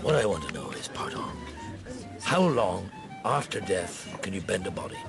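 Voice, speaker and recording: An actor playing a shrewd French police inspector on holiday in a radio drama, speaking in a wry, hesitant, conversational way. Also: male voice, low-pitched, wildly swooping pitch, normal speed, gravelly, over music, heavily acted. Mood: probing.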